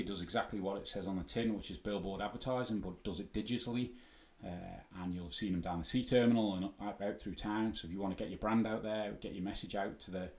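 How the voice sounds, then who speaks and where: A man's voice: deep voice, vocal fry, roomy sound. A man with a Manx accent from the Isle of Man, hosting a sports podcast in a conversational style. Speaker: podcast host. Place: podcast studio.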